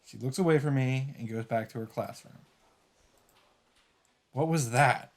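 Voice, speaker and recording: A man with a mid-range voice plays a visual novel at an unhurried pace, narrating the text and adding wry quips. He's a let's player, and loud background music from the game sits behind him.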